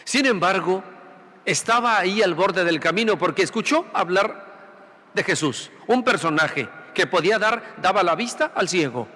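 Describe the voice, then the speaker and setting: A man's voice: high voice, animated, normal speed, bright, forceful tone, big-room sound. A man who is a priest, preaching a Sunday sermon through rhetorical questions and repeated phrases. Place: large church sanctuary.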